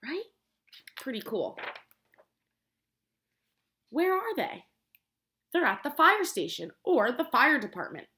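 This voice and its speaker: An American preschool teacher reads a picture book in a high-pitched voice at a slow pace, pausing often. She chooses simple, expressive words and prompts the young children with questions.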